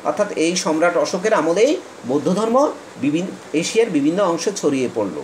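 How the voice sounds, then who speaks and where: A man from Bangladesh teaching an English lesson, reading English lines slowly and explaining quickly in Bengali. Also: fairly high pitch, lively intonation, darkish tone, slight background noise, poor audio.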